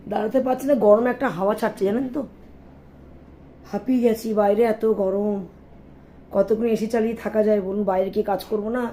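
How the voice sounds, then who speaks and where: A middle-aged woman with a hoarse, sore voice, chatting and complaining to viewers in a casual home vlog. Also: fairly high pitch, warm tone. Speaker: vlogger. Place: home, indoors.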